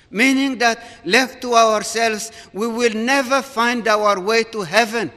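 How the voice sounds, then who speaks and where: Male preacher, high pitch, slow and deliberate, repeats words for emphasis, big reverberant hall. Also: pushed and bright. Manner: earnest, repetitive emphasis, stressing single words. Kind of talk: sermon. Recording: long reverb of a large hall.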